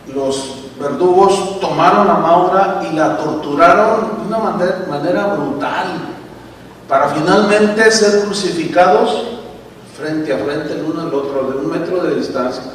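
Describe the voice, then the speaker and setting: A man's voice: a little high, a little hiss or hum. A male pastor preaching a sermon, telling a story dramatically and speaking to the congregation. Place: church hall. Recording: echoey church hall from far off.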